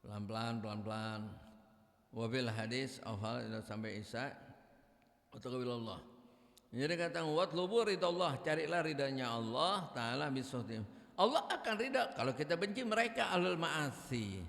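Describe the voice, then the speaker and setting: Guy preaching in a mosque, jokey, acts out the dialogue, gravelly, big echo. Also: mid-range voice, expressive, moderate pace, a bit bright. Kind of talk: mosque sermon with humor. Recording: echoey mosque hall.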